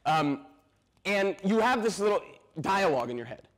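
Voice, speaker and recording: A man giving an animated, energetic masterclass talk to film students, loud and full of stammered restarts and quick laughs. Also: high-pitched. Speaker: guest speaker at a film school masterclass. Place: stage in a school hall.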